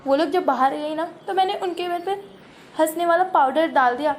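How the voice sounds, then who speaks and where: A woman puts on a laid-back elder sister who teases gently and hatches pranks. Her voice is noticeably lower and softer than the bratty sisters, with an easy, coaxing tone. This is a homemade comic family sketch. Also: a little fast, slight background noise, natural voice. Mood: scheming. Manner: soft, amused, coaxing. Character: calm teasing elder sister, scheming.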